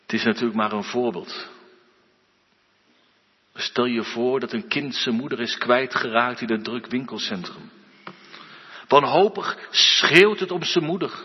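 Man, sermon, husky, somewhat high voice, slow, echoing church. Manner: slow, earnest preaching with rising emphatic outbursts. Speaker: preacher. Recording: dull lo-fi recording with long church reverb.

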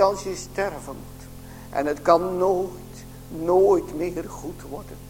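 Male pastor, high voice, slow pleading sermon delivery, faint music underneath. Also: warm tone, poor audio. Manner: solemn, pleading, rising to fervent preaching.

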